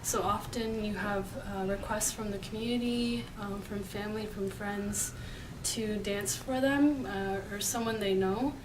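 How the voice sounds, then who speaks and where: Female interviewee, earnest and halting; distant mic, noticeable room noise. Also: mid-range voice, fairly even intonation. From Canada's East Coast. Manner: earnest, with many fillers. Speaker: student and dancer interviewee. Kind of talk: interview answers.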